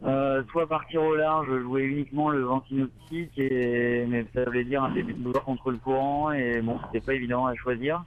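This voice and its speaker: Man heard over a boat radio, tinny narrow sound, mid-pitched voice, halting, many hesitations. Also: little pitch movement. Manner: halting, full of hesitations and restarts. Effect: heard over a crackly radio link from a boat. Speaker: sailing race skipper. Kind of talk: casual live interview. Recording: tinny radio link from sea.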